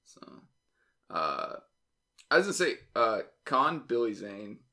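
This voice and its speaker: A man with a crisp, bright tone and a rough fry in his voice talks through a movie in casual banter. He jokes, curses freely and laughs a lot as he hosts. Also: medium pitch, very animated, slow pace. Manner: joking, swears freely, laughs often. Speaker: podcast host. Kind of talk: casual movie review chat.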